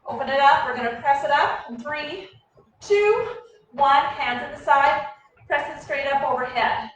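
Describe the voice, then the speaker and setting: A woman coaching a workout, giving energetic, encouraging and directive short cues and countdowns. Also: high-pitched, moderate pace, lo-fi sound. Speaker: fitness coach leading a warm-up. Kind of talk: group workout instruction, clipped cues and countdowns. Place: echoey indoor room, heard from a distance. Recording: very echoey room, distant mic, faint noise.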